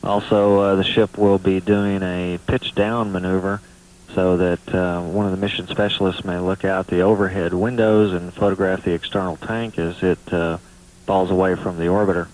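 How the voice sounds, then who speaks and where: A man with a fairly low voice delivers live mission commentary. He is measured and matter-of-fact, giving technical readouts as a launch announcer. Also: level tone, darkish tone, slight background noise, low-quality recording. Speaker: NASA public affairs launch commentator.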